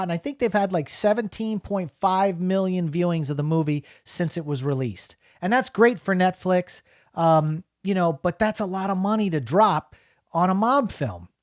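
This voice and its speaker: A middle-aged man from New Jersey gives a casual, rambling spoken film review packed with fillers and restarts. His voice is high, and the clean studio recording has no room sound.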